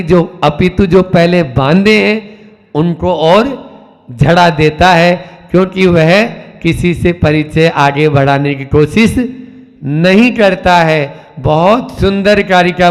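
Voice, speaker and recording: A man giving a religious sermon as a monk. He explains scripture line by line and asks his listeners rhetorical questions. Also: high voice. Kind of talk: religious discourse. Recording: long reverb of a hall.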